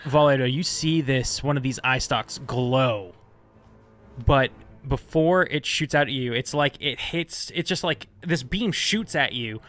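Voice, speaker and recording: A man narrating a tabletop game as game master in casual, halting, improvised phrases. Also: medium pitch, fairly bright tone.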